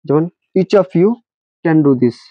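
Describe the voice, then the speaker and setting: A man's voice: fairly high pitch, drawn-out words, no echo. A man teaching an English grammar lesson, spelling words letter by letter and asking his students rhetorical questions. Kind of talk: classroom-style grammar lesson. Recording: dry, dull lo-fi recording.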